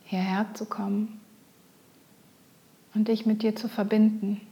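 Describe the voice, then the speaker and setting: A woman guiding a meditation in a soft, breathy near-whisper, gentle, soothing and unhurried. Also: mid-range voice, level tone. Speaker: meditation guide. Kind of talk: guided meditation.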